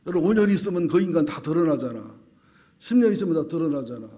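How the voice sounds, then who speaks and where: A man's voice: fairly high pitch, expressive, quick pace, warm tone. A middle-aged man, a senior pastor, preaching a humorous sermon in a church, telling folksy anecdotes and jokes. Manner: folksy storytelling with jokes, acts out voices. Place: church sanctuary.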